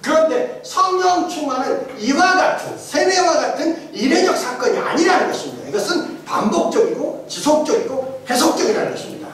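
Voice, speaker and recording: A middle-aged man, a pastor teaching his congregation, quizzing them with jokes and laughter, then building to emphatic shouted refrains. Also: very high-pitched, lively intonation, a little fast, hardly any pauses, over a noisy crowd. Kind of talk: interactive sermon teaching. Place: large church hall with congregation. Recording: echoey hall, distant mic, congregation audible.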